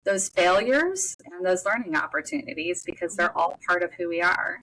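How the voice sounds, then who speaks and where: A woman's voice: lowish voice, expressive, normal speed, a bit bright, poor audio. A woman, talking earnestly and reflectively as a guest in a casual roundtable conversation. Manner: earnest, reflective, faith-centered. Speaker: guest, mother and advocate.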